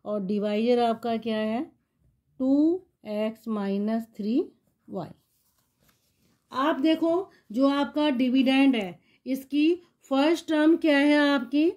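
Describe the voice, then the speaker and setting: Woman teaching maths, high-pitched, mellow tone, patient step-by-step explaining, asks and answers her own questions. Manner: patient, keeps asking the class questions and answering them herself. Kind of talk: explaining step-by-step long division on a board.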